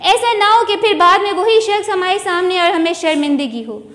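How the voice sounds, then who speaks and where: A woman's voice: very high voice, normal speed, a bit bright. A woman giving an earnest, preachy moral lecture with a Sindhi-region Urdu accent, stressing her key lines. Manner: earnest, preachy, rising emphasis. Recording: long hall reverb.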